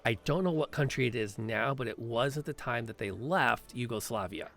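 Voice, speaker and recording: A man with a mid-range, slightly bright voice and some vocal fry hosts a podcast and live stream at a moderate pace. His talk is casual, upbeat and rambling, full of fillers and restarts.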